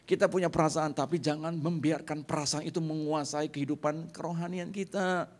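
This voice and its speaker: A middle-aged man, a pastor preaching a lively sermon and acting out scenes with sound effects. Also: fairly high pitch, brisk.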